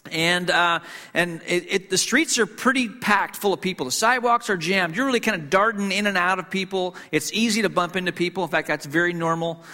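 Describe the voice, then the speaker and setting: A man's voice: sits high, a little fast, bright, forceful tone. A man who grew up in Hong Kong, preaching to a congregation as a pastor. He tells a story conversationally, with frequent fillers, restarts and self-deprecating humor. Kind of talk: sermon storytelling. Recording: long reverb in a hall.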